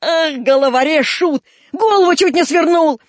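A woman doing a hoarse, shouting one-eyed old man. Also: sits high, moderate pace, no room sound, pitched above the performer's own voice, lightly acted. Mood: exasperated. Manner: shouting and scolding. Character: gruff one-eyed old male waterworks keeper. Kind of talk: storybook reading.

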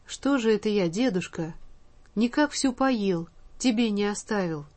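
A woman's voice: mid-range voice, lively intonation, a little mellow. A frail orphan boy of about ten, weak and frightened, drawing his words out plaintively, as a woman reading a story gives him voice. The voice rises only slightly above her own. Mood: timid. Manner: weak, plaintive, drawn-out speech.

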